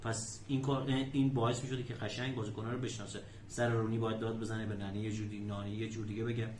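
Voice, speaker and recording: A man teaching a language lesson, slowly repeating English phrases and then explaining them. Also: lowish voice, little pitch movement, darkish tone, slight background noise. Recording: echoey room.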